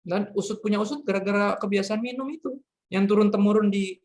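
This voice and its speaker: A man from Jakarta with a Jakarta accent, a pastor giving a casual youth sermon in lively slangy street talk. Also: sits high, brisk. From Jakarta, Indonesia.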